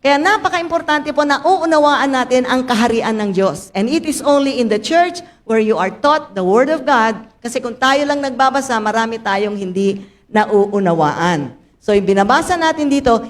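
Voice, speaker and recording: An older woman with a Filipino accent preaches to her church congregation, and her voice sits a little high for a woman. She moves between Tagalog and English and tells her stories with sudden loud rises in pitch. She keeps calling on the listeners directly, asking them to raise their hands. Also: expressive, normal speed. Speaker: pastor. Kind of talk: sermon.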